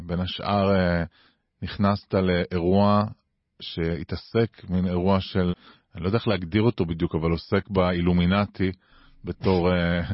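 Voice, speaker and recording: A man's voice: sits low, dry recording, highs cut off. A man hosting a podcast, putting questions and explaining things in an informative way. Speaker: podcast host. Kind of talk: interview questions and scripted explanatory narration.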